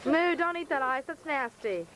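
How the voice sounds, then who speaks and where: A woman's voice: high voice, animated, moderate pace. A woman filming her children outdoors in the snow, calling warnings to them from behind the camera on an old home video. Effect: old home video tape sound. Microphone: camcorder mic. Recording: noisy old camcorder tape.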